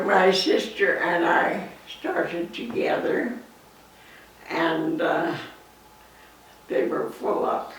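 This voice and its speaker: A woman in her nineties with a Canadian accent, reminiscing in an interview in a halting way, pausing mid-sentence. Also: sits low, gravelly. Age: 90s. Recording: echoey, distant mic, faint noise.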